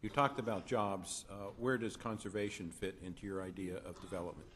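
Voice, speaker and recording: A man moderating the event, briskly passing on questions and keeping time. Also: low-pitched, steady tone, fairly bright tone, a little hiss or hum.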